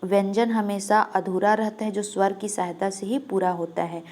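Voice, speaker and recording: A woman teaching an exam-prep lesson at a mid-range pitch. She works through each point patiently and keeps asking questions that she answers herself. When she gives an example, she lingers on the sound and stretches it out. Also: flat delivery, normal speed, darkish tone. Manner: explains step by step, asks and answers her own questions; drags out sounds when demonstrating.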